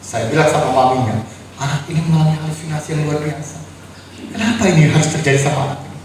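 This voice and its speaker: A man's voice: on the high side, fast. A man preaching an emotional sermon, grieving and crying out in anguish as he testifies to his listeners. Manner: grieving, cries out and shouts in anguish; addresses listeners as brothers and sisters. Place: apartment worship room. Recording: very echoey room, distant mic, faint noise.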